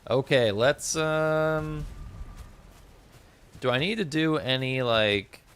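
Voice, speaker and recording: A man's voice: medium pitch, lively intonation, takes it slowly, a bit bright, clean tone. A man with a cold and a congested voice, chatting casually with viewers as he streams a game. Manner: chatty, rambling, greets chat by name. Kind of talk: casual live-stream chat.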